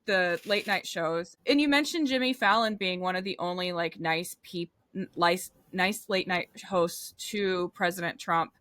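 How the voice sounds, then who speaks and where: A woman hosting a podcast interview, talking in an animated, opinionated way and acting out the voices she quotes. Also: fairly low pitch, a little slow, few pauses, no echo. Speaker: podcast host.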